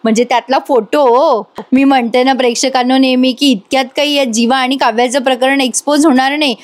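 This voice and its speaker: High-voiced chatty woman recapping a show. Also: fairly even intonation, fairly quick. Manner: chatty, addresses viewers directly. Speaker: TV serial reviewer. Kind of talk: voice-over episode recap.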